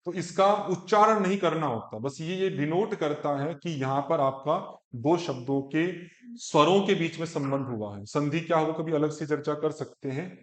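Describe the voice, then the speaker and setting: A man teaching Sanskrit pronunciation, breaking verses into slow syllables and correcting a student as he goes. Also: on the high side. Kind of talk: one-on-one pronunciation lesson. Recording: echoey room.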